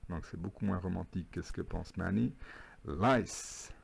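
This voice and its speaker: A male English teacher, going through a homework correction lesson. His voice is very deep, with a gravelly fry and a husky edge. He patiently repeats phrases slowly.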